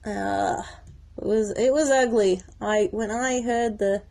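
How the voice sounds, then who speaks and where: A woman's voice: mid-range voice, fairly even intonation, slow pace, vocal fry, warm tone. A woman telling a personal story in a rambling, emotional way, with many restarts. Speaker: horse owner. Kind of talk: casual storytelling.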